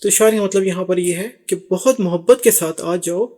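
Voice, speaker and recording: A man hosting a casual chat, translating song lyrics word by word and repeating phrases slowly. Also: high-pitched, darkish tone.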